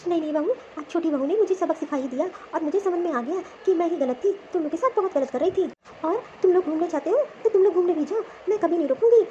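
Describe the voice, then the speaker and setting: Woman doing a shrill bossy mother-in-law. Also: quick pace, dark tone, lo-fi sound, slight background noise. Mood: remorseful. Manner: scolding, commanding. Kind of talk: cartoon story voice acting.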